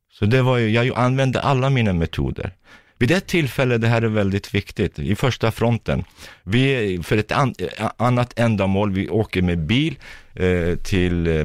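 Low-voiced guy telling his story hard and vivid, acting out the dialogue, dry sound. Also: no echo. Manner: vivid, intense retelling, acts out dialogue. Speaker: physiotherapist recounting war experience. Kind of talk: personal storytelling in a podcast.

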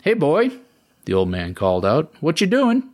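A man voicing an older survivor of an apocalypse, calling out and shouting in a raised, strained voice. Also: fairly low pitch, huge pitch swings, brisk.

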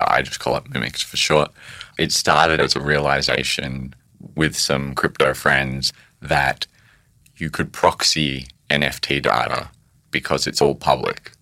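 A man whose voice has been disguised and pitched very deep, explaining an NFT project in a casual interview, thoughtful and halting, with restarts. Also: bright, forceful tone, no echo. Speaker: pseudonymous NFT project creator.

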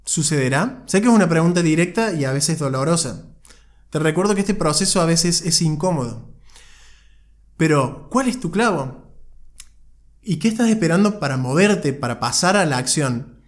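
A man's voice: fairly high pitch, lively intonation, moderate pace. A man co-hosting a podcast, giving an earnest motivational talk and telling a story, speaking directly to the listener with frequent restarts. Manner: frequent restarts and repeated words. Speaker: podcast co-host.

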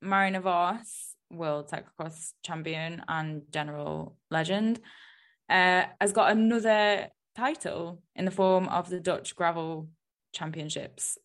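A woman's voice: fairly low pitch, steady tone, a little slow. A woman hosting a podcast in casual chat, chatty and self-deprecating, with plenty of ums. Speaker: podcast host.

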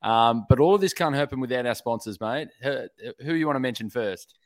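An Australian man hosts a casual sports podcast. His voice sits at an average pitch, and he talks in an informal, chatty way. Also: a little fast. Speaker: podcast co-host.

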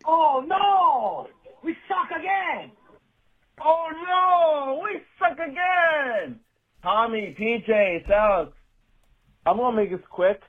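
A man's voice: very high voice, lively intonation, slow pace. Profane male caller on a played voicemail. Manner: profane, exasperated, rambling. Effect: played voicemail message. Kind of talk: casual rant. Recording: tinny phone voicemail.

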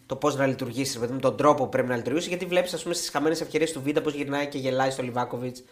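A man co-hosting a casual football betting podcast, reading odds to listeners and explaining his point patiently. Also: medium pitch. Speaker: podcast co-host.

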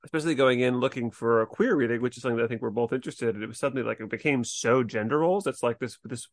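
A man hosts a podcast in a casual, conversational chat, talking at a racing pace in a mid-range voice. The sound is clean studio audio with no room sound.

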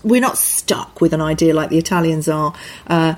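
A woman interviewing a guest, speaking in a measured, explanatory way. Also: sits low, a little mellow. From Britain. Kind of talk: interview conversation.

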